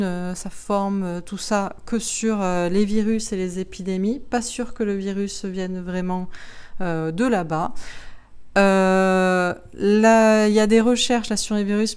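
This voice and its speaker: A woman's voice: mid-range voice, a little mellow, smooth. A woman reading tarot cards in a casual commentary, musing aloud with many hesitations and restarts. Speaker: tarot card reader.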